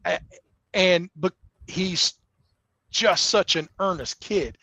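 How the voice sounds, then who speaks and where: A man's voice: high voice, takes it slowly, bright, forceful tone, no echo. A middle-aged man, a wrestling promoter, talking earnestly in a casual interview, often restarting his sentences. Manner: earnest, rambling with many restarts.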